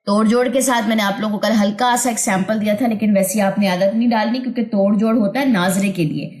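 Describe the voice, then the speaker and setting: A woman's voice: mid-range voice, a little mellow. A woman teaching an online tajweed lesson, patiently drilling sounds and checking understanding.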